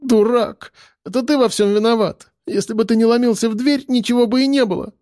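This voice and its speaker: A man voicing a spoiled, tearful young woman named Milana in a thin, squeaky voice with whiny, accusing outbursts. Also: expressive, moderate pace, darkish tone, dry recording, studio quality. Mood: indignant.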